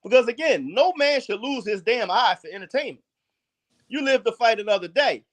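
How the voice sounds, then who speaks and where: A man's voice: very high voice, expressive, a little fast, fairly bright tone, a little hiss or hum. A man co-hosting a casual boxing podcast, arguing his points firmly and emphatically. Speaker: podcast co-host.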